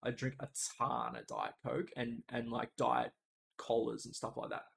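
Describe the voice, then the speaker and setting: A man's voice: medium pitch, very animated, normal speed, creaky, fairly bright tone, a little hiss or hum. A young man streaming live, telling a long personal story in a rambling, casual way, swearing and restarting his sentences.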